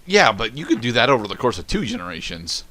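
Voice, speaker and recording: Chill young dude doing movie commentary, skeptical, swears a lot. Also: male voice, medium pitch, wildly swooping pitch, quick pace, bright, forceful tone. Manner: laid-back, skeptical, swears casually. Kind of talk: casual movie commentary chat.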